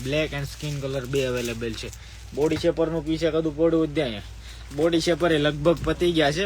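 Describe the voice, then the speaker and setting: A man's voice: fairly high pitch, a little hiss or hum. A man who runs a shop and hosts a live sale from the air-conditioned shop floor. He sounds sleepy and chats with viewers, breaking off to give his staff orders. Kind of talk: live-stream sales talk.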